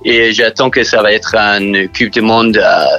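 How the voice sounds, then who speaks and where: A man from New Zealand speaking French as a second language with a strong English accent, halting and often repeating words as he answers interview questions. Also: fairly low pitch, fairly even intonation, sharp tone, lo-fi sound, faint music behind. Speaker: interview guest from a church sports outreach group.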